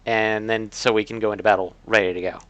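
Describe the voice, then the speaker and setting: A man's voice: lowish voice, little pitch movement, fast talker, a bit bright, a little hiss or hum. A man streaming a video game, chatting casually with a co-host and rambling with lots of filler words and restarts.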